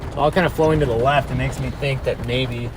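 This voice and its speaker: A man's voice: mid-range voice, fairly even intonation, brisk. A man giving casual, urgent live storm-chasing commentary, watchful and repeating himself as he speaks to his viewers. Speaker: storm chaser livestreamer. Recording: clear vehicle and ambient noise. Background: vehicle and outdoor ambient noise.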